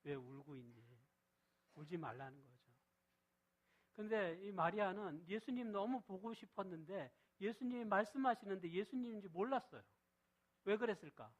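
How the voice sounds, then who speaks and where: Korean pastor preaching with rhetorical questions. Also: male voice, lively intonation, moderate pace, rough recording. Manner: questions to the congregation, answered himself; shifts between loud stress and soft low reading. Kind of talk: sermon.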